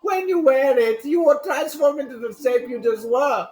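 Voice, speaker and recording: Man acting a high, wildly swooping, theatrical mask salesman. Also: expressive, moderate pace, darkish tone, echoey room. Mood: grand, mysterious. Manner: melodramatic, swinging from solemn to shrieking. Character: eerie, theatrical mask salesman, pleading and frantic. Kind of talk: dramatic read-aloud of video game dialogue.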